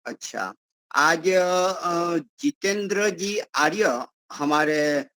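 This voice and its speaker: A man with a slightly high voice hosts a spiritual gathering at a slow, halting pace. He fills the gaps with hesitant sounds. The recording is dry and close. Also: expressive, sharp tone, no room sound, poor audio. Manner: hesitant, pausing with many fillers. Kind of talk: hosting and inviting speakers.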